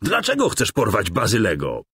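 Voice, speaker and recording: A man's voice: on the low side, wildly swooping pitch, normal speed, fairly bright tone, breathy edge, no echo, voice pushed up, full character voice. A man voicing a brave, loyal young male gnome hero in a children's game, calling out eagerly. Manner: eager, exclaiming.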